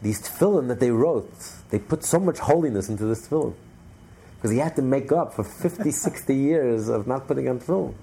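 A man's voice: medium pitch, lively intonation, a little fast, gravelly, dark tone, a little hiss or hum. A man telling a Torah story in a storytelling lesson, repeating and stressing his points. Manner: repetitive, emphatic storytelling with many restarts. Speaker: Torah teacher.

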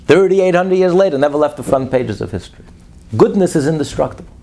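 A man preaching a sermon as a rabbi, emphatic, swinging between loud declarations and hushed asides. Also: fairly high pitch, lively intonation, fast talker, creaky.

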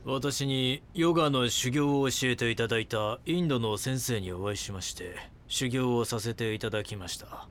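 An actor voices a calm, grandiose cult founder in an audio drama, speaking politely and preachily with deliberate phrasing. The male voice is natural and mid-range, the mood calm and solemn, with a little hiss or hum in the background.

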